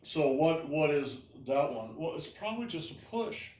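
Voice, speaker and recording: A man teaching an online tai chi class, explaining gently and often checking in with "all right?". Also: on the high side, big pitch swings, moderate pace. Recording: roomy echo.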